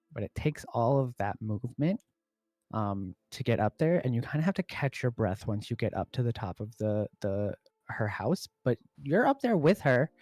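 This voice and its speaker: A man running a tabletop game as game master, narrating in a relaxed way with lots of fillers. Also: medium pitch, no room sound, clean studio sound.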